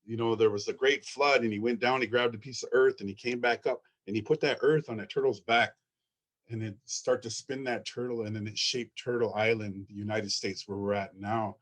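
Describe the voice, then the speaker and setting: A man presenting his school at a conference, earnest and excited, often repeating words as he talks through his slides. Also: on the low side, fairly quick. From Ojibwe, from Minnesota.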